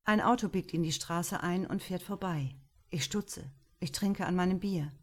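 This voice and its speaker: A woman narrating a first-person literary story in a calm, measured way as an audiobook reader. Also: fairly low pitch. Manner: calm, measured, unhurried delivery.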